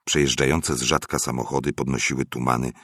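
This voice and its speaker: A man narrating a story aloud in a measured, expressive audiobook reading. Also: a bass voice, no echo, studio quality.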